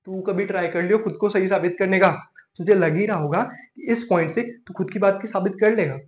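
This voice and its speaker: Exasperated man on a comic rant, highish voice, echoey room. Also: fairly quick. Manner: exasperated ranting, mixes English phrases in. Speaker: comic monologue performer. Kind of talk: scripted comic rant monologue.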